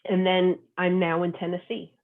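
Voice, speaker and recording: A woman's voice: lowish voice, completely flat delivery, normal speed. A woman, a guest author chatting casually in an interview, rambling with plenty of fillers. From Long Island, New York. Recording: tinny phone-like call audio.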